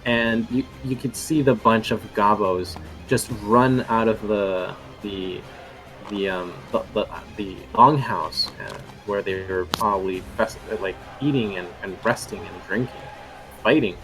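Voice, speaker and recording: Male game master, slow, rambling narration full of fillers. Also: on the low side, fairly even intonation, a bit bright, soft background music. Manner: rambling, many fillers and restarts.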